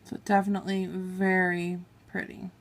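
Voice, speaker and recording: A woman beauty vlogger talks casually through a makeup haul at normal speed, her lowish voice delivered completely flat. She swatches shades on her arm and apologizes for mispronounced names. The camera rests on a table, capturing her hands.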